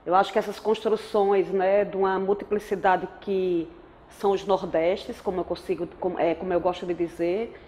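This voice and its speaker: This is a reflective personal testimony from an anthropologist in her forties, born in Aracaju, Sergipe, Brazil, with a Sergipe accent. Her medium-pitched voice is warm, with little pitch movement and normal speed, plus a little hiss or hum; she often tacks on tag questions.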